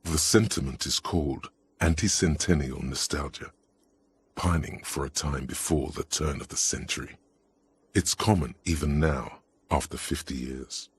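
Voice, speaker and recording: A man's voice: a bass voice, unhurried, slight background noise. An actor voicing the dry, wry male narrator of a detective video game. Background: faint game music.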